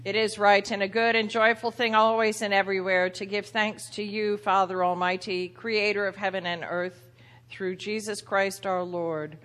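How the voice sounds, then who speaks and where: A woman leads the communion prayers in slow, solemn, measured phrases. Her voice rings out with a long, lingering reverb, as if it fills a large stone church. Her pitch sits in the middle of the usual range. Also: a bit bright. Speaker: celebrant leading a Eucharist service. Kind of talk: liturgical prayer recitation.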